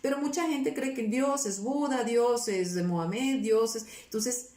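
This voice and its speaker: A woman's voice: on the high side, a little slow, warm tone, echoey room, a little hiss or hum. A woman in her forties, a pastor giving her personal testimony in a casual interview. She talks earnestly and keeps searching for words, with many restarts.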